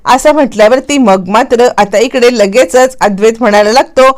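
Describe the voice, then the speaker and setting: A woman narrating a TV serial episode in a hurried storytelling manner, chaining events with repeated linking phrases. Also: on the high side.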